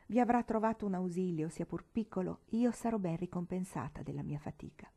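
A woman narrating a classic novel in an audiobook with a measured, expressive reading. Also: on the low side. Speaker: audiobook reader.

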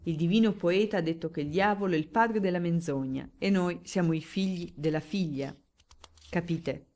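A chatty, flattering journalist, glib and grandly declaiming as he angles for a story, as a woman reading the book puts him on. The voice sits low and rich for a woman, while his lines jump noticeably higher and louder than her narration. It plays out as an audiobook character. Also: moderate pace, close to an everyday voice. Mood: eager. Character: talkative, flattering male newspaper journalist.

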